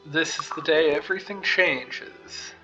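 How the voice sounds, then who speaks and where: A man's voice: on the high side, a little slow, pushed and bright, highs cut off, soft background music. A man giving casual game commentary, musing aloud in a wry way as he plays. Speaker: gamer narrating a playthrough.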